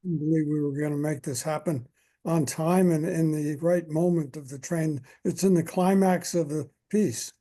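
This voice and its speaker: An older man hosting a podcast interview, asking short relaxed questions. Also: a little high, normal speed. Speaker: podcast host. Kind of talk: casual interview talk.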